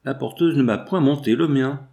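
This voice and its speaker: A man reading as a gentle young seamstress. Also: medium pitch, normal speed, creaky, voice pushed up, lightly acted. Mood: earnest.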